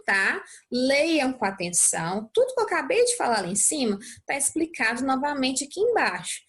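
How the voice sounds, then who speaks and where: A young adult Brazilian woman teaching English, explaining a worksheet step by step and often checking in with her students. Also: on the high side. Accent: Brazilian Portuguese. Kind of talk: recorded lesson walkthrough.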